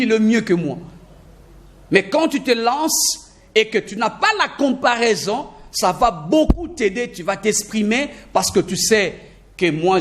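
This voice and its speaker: A man with a high voice gives an energetic video lesson as an English teacher. He repeats key phrases for emphasis and slips into English sentences now and then.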